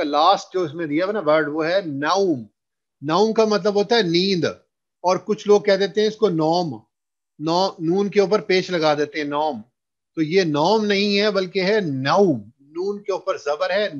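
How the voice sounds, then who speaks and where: A man teaching a recitation class, explaining in Hindustani mixed with English and slowly chanting drawn-out verses for students to repeat. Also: high voice, muffled recording. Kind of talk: online recitation lesson.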